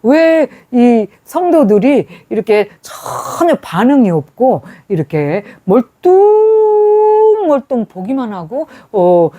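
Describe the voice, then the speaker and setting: A woman's voice: high voice, sing-song, slow, warm tone, exaggerated voice. A woman voicing a bewildered visiting preacher who asks anxious, puzzled questions.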